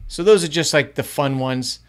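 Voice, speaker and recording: A man's voice: fairly high pitch, moderate pace, fairly bright tone. A middle-aged man hosting a youth ministry channel, talking upbeat and chatty as he walks through a tutorial in a small home studio on a close mic. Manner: upbeat, chatty, varying pace. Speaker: youth ministry podcast host. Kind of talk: casual tutorial vlog. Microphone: close studio mic in front.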